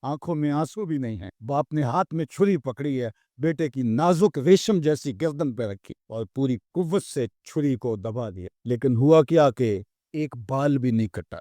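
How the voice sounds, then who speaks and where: A man preaching an impassioned storytelling sermon, swelling and dropping dramatically and chanting verses slowly. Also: medium pitch, animated, warm tone, no echo, clean studio sound. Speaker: Islamic preacher.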